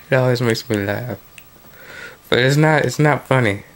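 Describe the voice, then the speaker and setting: A man's voice: medium pitch, moderate pace, a little hiss or hum. A man reading news articles aloud and adding casual, offhand commentary of his own. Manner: plain reading broken by offhand asides and restarts. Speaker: political commentary vlogger.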